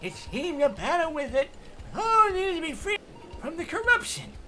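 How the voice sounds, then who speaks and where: A woman voicing a loud old man adventurer while reading game dialogue aloud. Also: very high voice, big pitch swings, moderate pace, voice pushed up, heavily acted, rough recording. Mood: booming.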